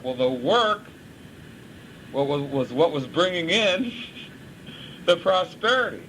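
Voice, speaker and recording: A man teaching a couples class from the Bible, speaking to a live group in a lively, chuckling way and acting out everyday voices. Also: on the high side, slight background noise, rough recording.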